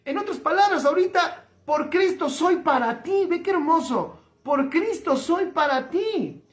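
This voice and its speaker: A man, a pastor preaching a livestreamed sermon, emphatic and slowing down to repeat key phrases. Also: very high-pitched, lively intonation. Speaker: pastor and teacher. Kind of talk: livestreamed sermon reading viewer comments.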